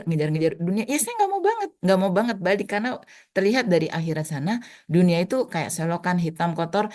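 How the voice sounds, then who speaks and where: A middle-aged woman sharing a personal near-death story in an emotional, storytelling way, often dropping to a hush. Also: fairly low pitch. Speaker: guest speaker. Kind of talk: personal testimony.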